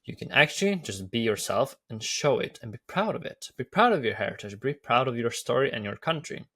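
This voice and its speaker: A man's voice: mid-range voice, animated, fairly quick, a bit bright, husky. A man from Norway with a Norwegian accent, hosting an enthusiastic video commentary with repetitive phrasing. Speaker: YouTube host.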